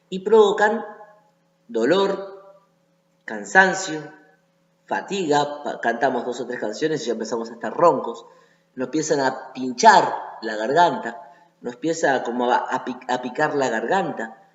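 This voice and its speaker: Rioplatense guy giving a singing lesson, long echo, kinda dull lo-fi sound. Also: mid-range voice. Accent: Rioplatense Spanish. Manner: explanatory, often checks in with "¿sí?". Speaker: singing teacher. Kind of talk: online voice lesson. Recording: echoey lo-fi room recording.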